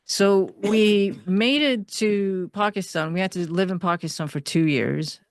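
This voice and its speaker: A woman from Iran, a guest on an interview podcast, telling her life story in an earnest, steady way. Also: mid-range voice, measured pace, no room sound, studio quality.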